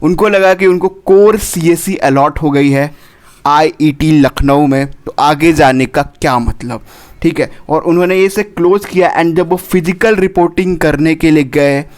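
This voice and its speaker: Young male counsellor, slightly high voice, urgent and repetitive warnings. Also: a little slow. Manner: urgent, repetitive, warns directly, drops English words into Hindi. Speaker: admissions counsellor. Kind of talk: counselling advice video.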